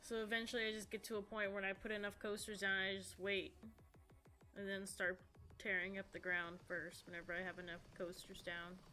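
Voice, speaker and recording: A woman's voice: medium pitch, little pitch movement, a little fast, pushed and bright, soft background music. A woman in her thirties chatting casually on a live stream, answering viewers in a rambling, chatty way. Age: 30s. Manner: chatty, rambling, reading chat aloud.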